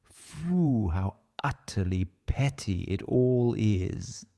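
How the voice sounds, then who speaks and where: A man's voice: fairly low pitch, expressive, drawn-out words, creaky, mellow, exaggerated voice. A man with a Russian accent voicing an agitated, self-loathing, brooding man in an audiobook, in exclamatory, hesitant self-talk. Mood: hopeful, scornful.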